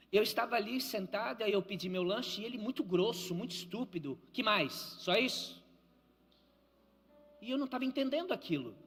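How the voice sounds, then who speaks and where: A male pastor with a Brazilian Portuguese accent preaches with emphatic repetition and a touch of humor. His voice is high-set and husky, and every phrase hangs in a long reverb through the church hall. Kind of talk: live sermon with storytelling.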